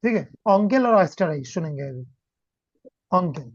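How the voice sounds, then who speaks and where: A man's voice: a little high, sing-song, moderate pace, dry recording. Male language tutor on a muffled video call, patient, mixes two languages. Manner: mixes Hindi and English, keeps checking understanding. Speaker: German language teacher. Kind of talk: online demo class. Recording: dull lo-fi call audio.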